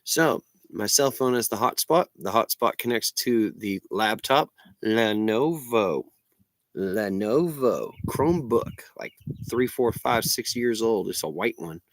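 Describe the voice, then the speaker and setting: A man's voice: lowish voice, lively intonation, takes it slowly, no echo. Laid-back stoned American man rambling. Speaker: livestream vlogger. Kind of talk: casual rambling livestream chat.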